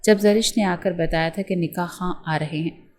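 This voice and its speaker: A woman's voice: on the low side, moderate pace. A woman narrating a romance novel and reading every part herself in much the same voice. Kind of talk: scripted narration of a romance novel with acted dialogue.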